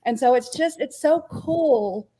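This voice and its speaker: A woman's voice: high voice, expressive, a little slow, warm tone, slightly rough. A woman who handles a convention's accounts, speaking candidly and with self-deprecating humor in an interview. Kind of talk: casual interview chat.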